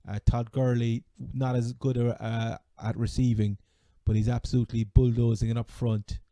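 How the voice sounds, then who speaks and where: A man with a Cork Irish accent chatting casually as a sports podcast host, halting and repeating words as he goes. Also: mid-range voice, little pitch movement, warm tone, no echo. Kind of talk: casual fantasy American football chat.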